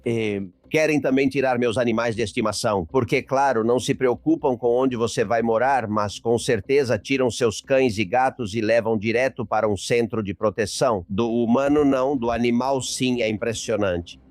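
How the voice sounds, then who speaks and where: A man hosting a political talk show speaks in an even middle voice. He sounds indignant as he appeals to his listeners. The recording is dry and close, with no room sound. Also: mid-range voice, normal speed, hardly any pauses, dry recording. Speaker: host.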